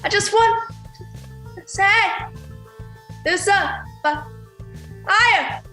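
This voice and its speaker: A woman's voice: very high-pitched, drawn-out words, bright, forceful tone, soft background music, voice pushed up, heavily acted. A woman playing a character whose connection keeps dropping, breaking off words and repeating them. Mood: urgent. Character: woman character calling through a glitching magic link. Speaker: player. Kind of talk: tabletop roleplay in character. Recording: roomy echoey sound.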